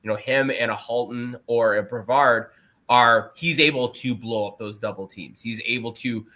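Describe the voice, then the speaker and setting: A man with a bright, forceful voice breaks down a football prospect on a draft podcast. He talks in animated bursts, often restarting his sentences mid-thought. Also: mid-range voice. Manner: animated, quick, frequent restarts. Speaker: draft analyst. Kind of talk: podcast scouting talk.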